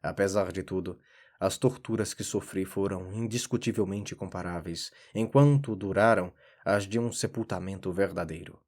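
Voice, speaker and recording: A man reads a classic horror story aloud in the steady style of a polished audiobook. His voice sits very low and deep. He delivers it with dramatic weight and a measured pace. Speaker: audiobook narrator. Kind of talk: scripted literary narration.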